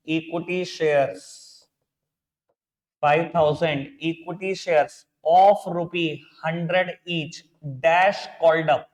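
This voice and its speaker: A high-pitched man with an Indian accent teaches accounts, calling his students beta and babu as he coaxes them along. He dictates each entry slowly and repeats key points. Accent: Indian English mixed into Hindi. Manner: addresses students as beta and babu, coaxing and repetitive; dictates slowly, spelling out entries. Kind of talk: classroom lecture.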